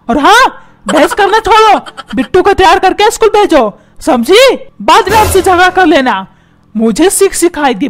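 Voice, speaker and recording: A woman's voice: very high voice, heavily acted. A woman voicing a hot-tempered, stingy cartoon father who scolds and barks orders. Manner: scolding, bossy, shouting orders.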